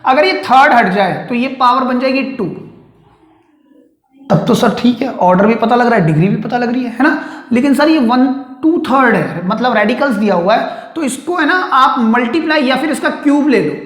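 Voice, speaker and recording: A woman teacher with a fairly high voice works through math problems step by step and keeps checking that her class follows. She is recorded in an echoey room. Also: animated, normal speed. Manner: explains step by step, often checks "clear?".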